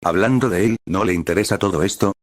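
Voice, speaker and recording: Man voicing an easygoing joking hero, low voice, dry sound. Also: fast, dry recording, close to an everyday voice. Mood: teasing. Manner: teasing, easygoing.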